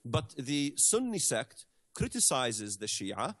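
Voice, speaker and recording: Male guest commentator from the Middle East, mid-pitched, halting delivery with lots of fillers. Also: sing-song. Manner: hesitant, many fillers and restarts. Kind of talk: conversational explanation.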